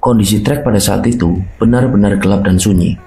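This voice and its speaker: A man's voice: on the low side, fairly quick, dark tone. A man narrating a mountain horror story in a casual spoken storytelling manner.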